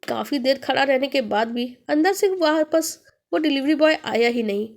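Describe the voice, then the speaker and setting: A woman narrates a ghost story with a dramatic, suspenseful delivery. Her voice sits noticeably high. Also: expressive, moderate pace.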